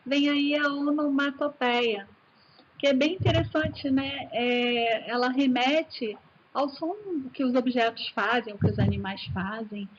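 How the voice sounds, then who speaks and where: Brazilian lady teaching a video class, excited and chatty, muffled sound, bit of hiss. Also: sits high. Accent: Brazilian Portuguese. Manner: chatty and enthusiastic, addresses students as "gente". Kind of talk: recorded video lesson. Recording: dull sound with faint hiss.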